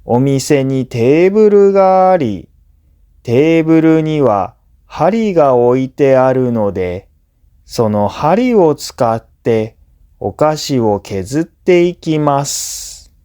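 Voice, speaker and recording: A male language teacher whose first language is Japanese reads listening practice as scripted educational narration. His mid-range voice is slow, mellow and animated, and his explanatory delivery is measured and clearly phrased.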